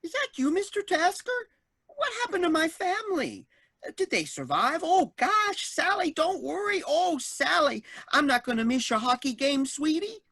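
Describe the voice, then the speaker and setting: A woman's voice: sits high, sing-song, normal speed, fairly bright tone, dry recording, studio quality, exaggerated voice. A woman voicing a fretful male cop trapped in a machine, with a put-on Canadian accent and a folksy manner. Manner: folksy, fretful, says "eh" and "golly".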